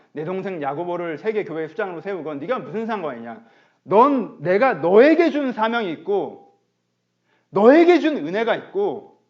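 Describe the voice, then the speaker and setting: A man voicing Jesus as he rebukes a disciple, slow, loud and emphatic. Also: high voice. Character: exasperated Jesus scolding a disciple. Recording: dull lo-fi online stream.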